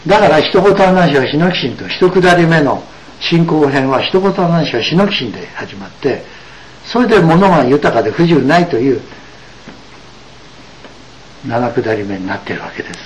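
A man giving an explanatory religious lecture, emphatic and full of drawn-out asides. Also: fairly high pitch, sing-song, low-quality recording. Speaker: religious teacher.

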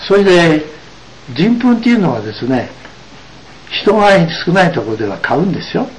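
A man giving an explanatory religious lecture, emphatic and full of drawn-out asides. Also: on the high side, big pitch swings, poor audio. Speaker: religious teacher.

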